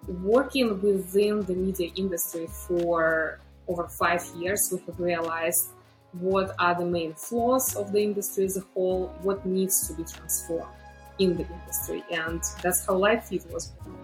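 A woman with a Belarusian accent giving explanatory answers as an interview guest, phrasing things in a measured, deliberate way. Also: lowish voice, fairly even intonation, faint music behind, rough recording. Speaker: interview guest, startup founder.

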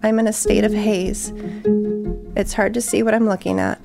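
A woman reading aloud from her journal in a halting, hushed, shaken way, then talking about it in her home. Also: mid-range voice, level tone, vocal fry. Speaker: eyewitness interviewee. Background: music.

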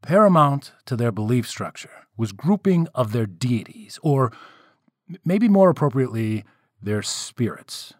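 A man's voice: mid-range voice, big pitch swings, a little slow, no echo, clean studio sound. A man telling a myth in a playful, wry way, with casual asides to the listeners. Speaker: storyteller. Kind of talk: casual storytelling narration of myths.

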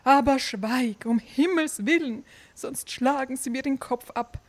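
A woman voicing a rich, hot-tempered male innkeeper who talks in an excitable, pleading way. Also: a little high, takes it slowly, pitched above the performer's own voice, full character voice. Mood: agitated.

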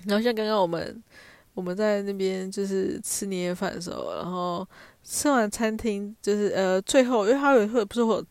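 Young taiwanese woman rambling on her podcast, animated and jokey, dry close mic. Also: mid-range voice, brisk, no room sound. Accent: Taiwanese Mandarin. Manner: chatty, animated, self-mocking. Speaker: podcast host. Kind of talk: casual storytelling monologue.

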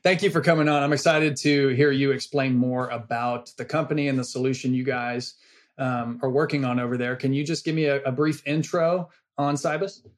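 A man's voice: medium pitch, steady tone, a little fast. Male podcast host with a mid-range voice, friendly and conversational. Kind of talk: casual podcast interview.

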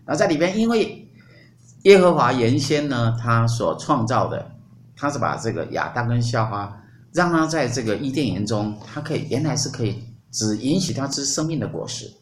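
A man hosting a podcast, retelling a myth in a lively, playful way. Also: mid-range voice, moderate pace. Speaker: podcast host. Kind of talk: storytelling in casual chat. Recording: roomy recording with faint hum.

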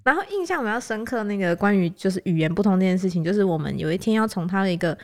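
Fast-talking Taiwanese woman, casual storytelling. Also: mid-range voice, lively intonation, a little mellow. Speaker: podcast co-host. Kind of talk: casual chat, travel anecdotes.

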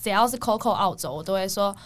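A woman's voice: mid-range voice, fast talker. A woman with a Taiwanese Mandarin accent, chatting as a podcast co-host and telling sales stories, laughing often and acting out the people she quotes. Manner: animated, laughs often, acts out quoted callers. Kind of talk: casual chat, storytelling.

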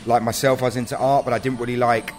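A man's voice: medium pitch, flat delivery, quick pace. A middle-aged man with a South London accent, chatting casually and modestly as an interview guest in a laid-back, slangy way. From South London, England. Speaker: guest graffiti artist.

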